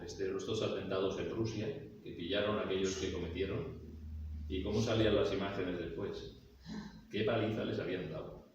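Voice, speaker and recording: A man with a fairly low voice preaches, reading scripture and then explaining it with questions put to his listeners. He sounds far from the microphone in a strongly echoing church hall. A faint background noise sits under his voice. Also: highs cut off. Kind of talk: expository sermon.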